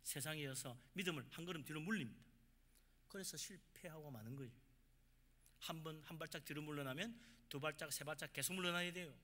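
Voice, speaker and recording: A man preaching a sermon as pastor of a church, with emphatic swings between loud exhortation and quiet asides. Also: on the high side, quick pace.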